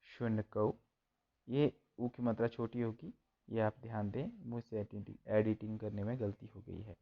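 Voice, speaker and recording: A man's voice: fairly low pitch, steady tone, normal speed, gravelly, dull audio. A man teaching a school textbook lesson, reading each line and then translating and repeating it.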